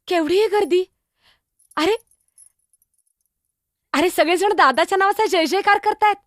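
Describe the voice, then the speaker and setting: A woman's voice: very high-pitched, no echo, clean studio sound. [name], a woman playing a chirpy young girl. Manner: chatty, teasing, innocent, exclamatory. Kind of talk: solo stage monologue.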